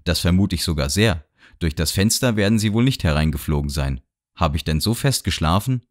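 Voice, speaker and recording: A man voicing a talkative middle-aged gentleman on a train who rambles and lectures cheerfully. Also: low-pitched, expressive, a little fast. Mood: chatty. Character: chatty middle-aged gentleman traveler, boastful and nosy. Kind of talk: audiobook character voice. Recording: dry studio sound.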